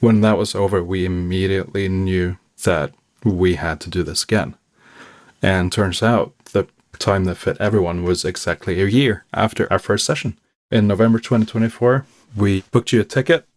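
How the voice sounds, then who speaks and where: A man with a Norwegian accent, the band's singer and songwriter, talking through its story in an interview in a relaxed way. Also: sits low, moderate pace, no echo, clean studio sound. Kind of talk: recorded interview conversation.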